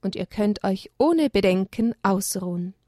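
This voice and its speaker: A woman voicing a wise, calm male owl who speaks thoughtfully. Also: mid-range voice, dry recording, studio quality, lightly acted. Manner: thoughtful, measured.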